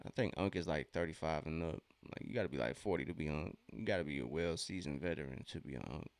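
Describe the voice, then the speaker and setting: A thirty-year-old man hosts a sports watch-along livestream, chatting in a relaxed, slangy way between stretches of commentary. His voice is very deep and creaky, he talks fast, and there's no room sound.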